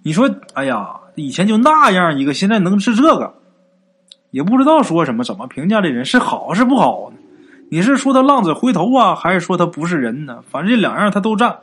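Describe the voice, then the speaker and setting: A man's voice: high voice, very animated, brisk, fairly bright tone, slightly rough. A man narrating a ghost story in a chatty, colloquial way.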